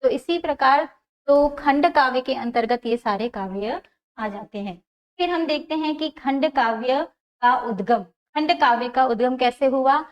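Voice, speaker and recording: Woman lecturing, slightly high voice. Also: unhurried. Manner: explanatory, repeats key terms, asks and answers own questions. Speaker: teacher. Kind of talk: exam prep lecture. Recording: dull lo-fi sound.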